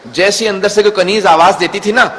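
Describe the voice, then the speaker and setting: High bright-voiced cleric telling a sermon. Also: male voice, fairly even intonation, long reverb tail. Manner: emotional storytelling, voice rising to pleading cries. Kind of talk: Muharram majlis sermon. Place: mosque or hall before a gathering.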